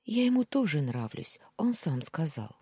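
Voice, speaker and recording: A woman's voice: low voice, big pitch swings, moderate pace, warm tone, husky, no echo, clean studio sound, exaggerated voice. A woman voicing a shy, tearful young female maid who speaks timidly and anxiously in a storybook reading.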